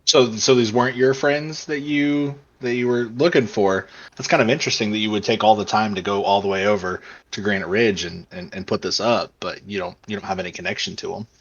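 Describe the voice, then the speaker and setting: A low, husky male voice firing off quick, probing questions with a sarcastic edge. The sound is dull and lo-fi, as if through a cheap mic. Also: fairly even intonation. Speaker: tabletop game player. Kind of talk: in-character role-play.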